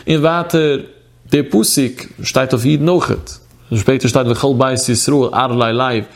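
A man's voice: medium pitch, fairly even intonation, measured pace, gravelly. A man teaching a religious text study lecture, reciting scripture passages in a singsong study cadence. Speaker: Torah teacher.

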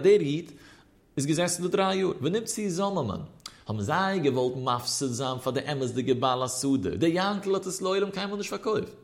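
A man teaching a Talmud lesson, his slightly high voice lifting and dropping as he works through each argument. His delivery has a sing-song lilt. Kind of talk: traditional Talmud study lecture.

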